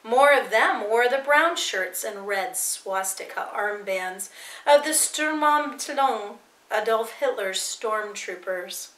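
A woman teacher reading a novel aloud to her students with expressive, dramatic storytelling. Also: a little high, slow pace. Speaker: English teacher. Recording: echoey room.

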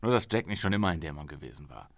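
A man's voice: extremely low pitch, very animated, rapid-fire, creaky, no echo, clean studio sound, full character voice. A man voicing an irritable, defensive journalist held by the police in an audiobook reading. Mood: irritated. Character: irritable, weary male journalist under arrest.

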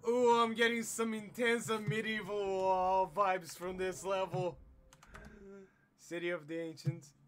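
A young man giving casual, rambling commentary while playing a game, trailing off quietly. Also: high-pitched, little pitch movement, measured pace. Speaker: gaming channel host.

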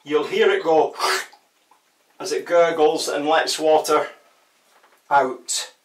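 A slightly high voice with fairly even intonation and a slow pace belongs to an older man presenting a casual DIY tutorial. He's chatty and wry, with self-deprecating humour, working in a small tiled shower indoors, where the distant mic picks up a roomy tiled echo.

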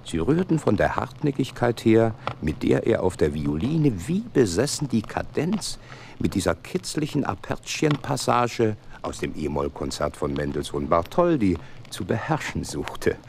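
Genial, expressive doctor storyteller. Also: male voice, lowish voice, a little slow, creaky, a little hiss or hum, heavily acted. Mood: reflective. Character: genial, modest male doctor, detective's friend and narrator. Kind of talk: German radio play, storytelling and dialogue.

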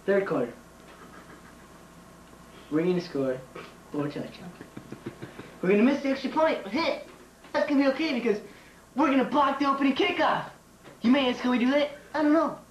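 A young man doing a teacher impression of a blustering high school athletic director, blunt, emphatic and repetitive, in an amateur comedy skit. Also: big pitch swings, moderate pace, long pauses, distant mic, muffled recording. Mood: rousing. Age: young adult. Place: home kitchen. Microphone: camcorder a few feet away. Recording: noisy, roomy home camcorder audio.

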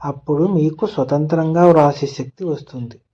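A man narrating a children's moral story in a gentle storybook manner. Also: on the high side, moderate pace, husky, highs cut off. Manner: gentle storybook telling, voicing characters' lines in turn.

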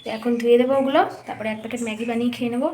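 Chatty high-voiced young woman. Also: steady tone, rapid-fire, darkish tone. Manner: chatty, rambling commentary on chores. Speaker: vlogger. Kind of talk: casual daily vlog narration. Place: home in a village. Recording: noisy background.

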